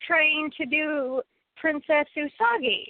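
An American woman chats casually, giving emphatic opinions and repeating phrases for stress. She speaks slowly in a high voice with no echo, and the audio sounds thin and phone-like.

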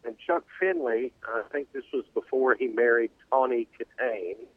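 A man with a mid-range, slightly rough voice tells a rambling story at a moderate pace, restarting often, in a casual phone-in. His buzzy, glitchy cell call keeps cutting out. The line sounds tinny and dry.

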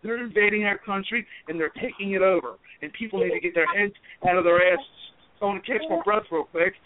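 A man's voice: sits high, quick pace, crowd noise. A man calling into a talk show, delivering a heated, profane political rant. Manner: profane, fired-up, repetitive. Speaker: call-in guest. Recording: tinny phone line.

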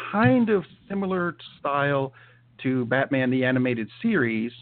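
Man, co-host, casual chat, hesitant with restarts, phone-like tinny sound. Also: medium pitch. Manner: hesitant, many restarts and fillers. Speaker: podcast co-host.

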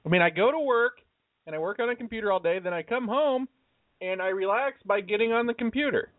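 Fast-talking and high-pitched, a man co-hosts an online radio show full of profane, casual banter. His voice breaks up on a glitchy, staticky Skype call, and the recording is dry and tinny.

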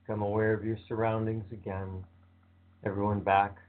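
A man leading a guided visualization meditation with slow, calm, soothing instructions. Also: fairly low pitch. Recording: tinny phone-like sound.

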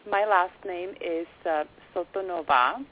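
A young woman from the Czech Republic with a Czech accent, a quiet, soft-spoken guest on a radio interview who hesitates often with fillers. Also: on the low side, unhurried. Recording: phone-like band, faint hiss.

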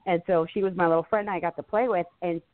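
A chatty woman hosting a spiritual radio show, her voice a touch low and heard over a tinny phone line. The sound is dry and close. She talks in long, easygoing stories and laughs often. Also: fairly even intonation, quick pace, no room sound. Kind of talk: casual spiritual talk radio chat.

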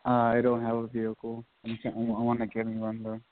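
A man's voice: medium pitch, monotone, brisk. Male phone-in caller on a muffled line. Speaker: caller to a psychic hotline. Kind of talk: casual phone conversation.

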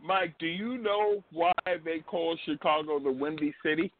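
A man's voice: on the high side, normal speed, phone-quality sound. A man chatting and explaining casually as a show panelist, repeating phrases for emphasis. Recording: band-limited line with clear noise.

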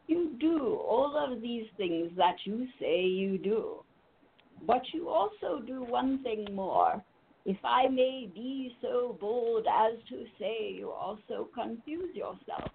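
A woman speaking as a channeled, benevolent spirit guide in the manner of a seance medium, with measured, formal phrasing, long pauses and tender endearments. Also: on the high side, creaky. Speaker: trance channeler and spiritual medium hosting a call-in show. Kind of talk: seance medium channeling, solemn spiritual address with live callers. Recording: muffled lo-fi audio with faint noise.

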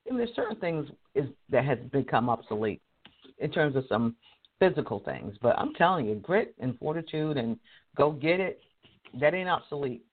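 A hoarse man hosting a casual live career show, chatty and laughing often as he restarts his sentences. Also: on the high side, big pitch swings, normal speed, narrow, tinny audio. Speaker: career coach and show host. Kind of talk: casual live-stream talk.

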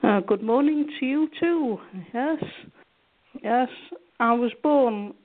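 A woman's voice: a little high, slow pace. A woman from England answering interview questions about her art, hesitant, with many fillers and restarts. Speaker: guest artist. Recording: tinny phone line.

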